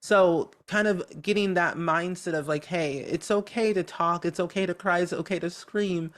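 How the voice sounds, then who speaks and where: An upbeat, talkative content creator is a podcast guest in a casual interview chat. Their naturally high voice has a medium tone, steady and a bit bright, at normal speed.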